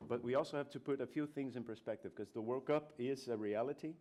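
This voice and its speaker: A man from Brazil with a cold and a stuffy nose, giving a conference presentation in a hesitant, polite and measured way. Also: medium pitch, a little mellow. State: has a cold. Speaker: communications director giving a presentation. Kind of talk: prepared conference talk, spoken off the cuff.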